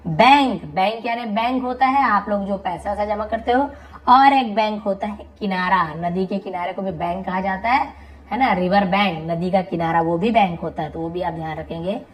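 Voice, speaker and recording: Here a woman teaches English words in Hindi, loudly naming each one and then patiently explaining it at a lower volume. Her pace is moderate and the recording is rough.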